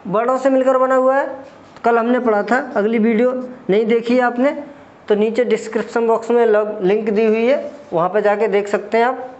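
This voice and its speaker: A man's voice: very high-pitched, muffled recording. A man teaching a grammar lesson for exam preparation, explaining step by step and answering his own questions as he goes.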